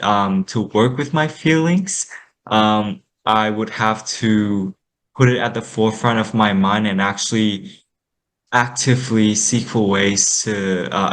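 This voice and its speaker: Soft-spoken young man from Vietnam. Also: on the low side, poor audio. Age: young adult. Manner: thoughtful, measured, with fillers. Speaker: interview guest, student. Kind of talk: casual interview talk.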